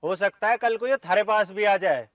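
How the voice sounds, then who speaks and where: एक युवा आदमी जो मेहनती बने गाँव के प्रधान के बेटे का किरदार निभा रहा है, हरियाणवी लहजे में सच्चे दिल से बोलता है।. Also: male voice, sits high, moderate pace, a bit bright. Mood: defiant. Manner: earnest, heartfelt. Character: reformed young village man, earnest and devoted. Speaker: headman's son, laborer. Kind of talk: rural comedy film acting.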